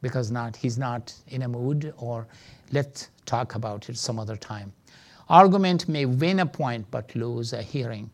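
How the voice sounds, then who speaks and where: A man with a Pakistani accent and a mid-range voice with vocal fry teaches a seminar in the manner of a preacher, earnest and emphatic, blending instruction with sermon-like exhortation.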